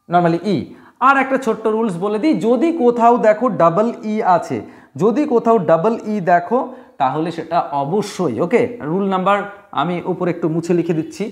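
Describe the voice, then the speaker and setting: A man's voice: high-pitched, animated, moderate pace. A man teaching English pronunciation rules, repeating each point and answering his own questions. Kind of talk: classroom lesson at a board.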